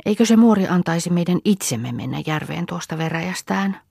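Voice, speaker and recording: A woman voicing an excited, playful little peasant girl. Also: fairly low pitch, gravelly, husky, no echo, studio quality, voice pushed up, exaggerated voice.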